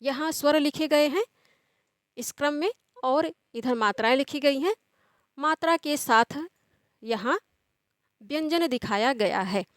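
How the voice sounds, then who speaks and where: A woman teaching a grammar lesson, who asks questions and then answers them in a steady, explaining way, drawing out the example words slowly. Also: sits high, dry recording, clean studio sound.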